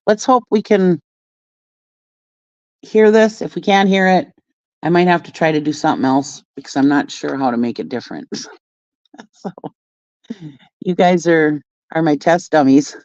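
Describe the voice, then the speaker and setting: Her voice sits low and has a darkish tone, moving at normal speed with long pauses and no echo. She's a channel host reacting to clips on a casual livestream, rambling, laughing a lot and talking with viewers, all captured on a phone in dry, dull lo-fi audio.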